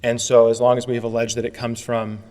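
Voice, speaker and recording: A man arguing as an attorney before an appeals court, brisk and earnest, often restarting his phrases. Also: medium pitch, completely flat delivery, warm tone. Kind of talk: courtroom oral argument. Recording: long courtroom reverb.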